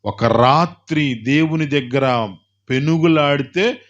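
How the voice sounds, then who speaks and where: A fairly high-voiced man preaches a sermon, stacking repeated phrases in a steady rhythm. He calls out to his congregation to answer back. The recording sounds dull and lo-fi. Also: slow pace. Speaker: pastor.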